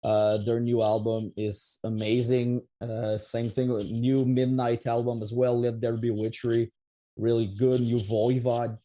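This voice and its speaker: With a warm tone and a mid-range voice, this Québécois metal musician in his thirties speaks a little slowly and with flat delivery. He's a guest from Quebec, Canada, and his interview replies wander, with frequent fillers and false starts.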